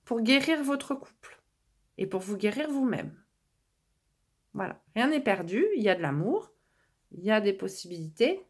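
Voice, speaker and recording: A woman's voice: medium pitch, sing-song, normal speed, long pauses, husky. A woman from France giving casual, reassuring tarot guidance to viewers, with lots of fillers and restarts. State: losing her voice. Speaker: tarot card reader. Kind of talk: casual card-reading guidance.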